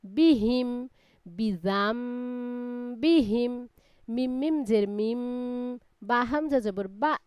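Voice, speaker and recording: Clear, high-voiced woman teaching Quran reading. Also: lively intonation, a little mellow, no room sound, studio quality. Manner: spells out letters and reads them slowly, explaining rules patiently. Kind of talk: live online Quran reading class.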